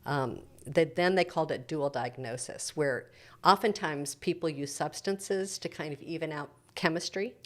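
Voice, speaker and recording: A middle-aged American woman appears as a podcast guest discussing addiction recovery, explaining things in an unscripted conversation. Her voice sits low, and she speaks at a moderate pace.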